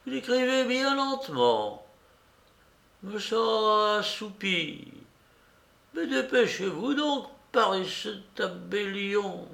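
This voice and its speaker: A dying old male beggar with a thin, failing, rattling voice, mocking everyone around him. He speaks high and slowly, with a gravelly catch, as a male reader puts him on. The sound carries an echoey room. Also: very animated, fairly bright tone, heavily acted. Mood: weary. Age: older. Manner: mocking and imperious. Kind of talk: audiobook character reading.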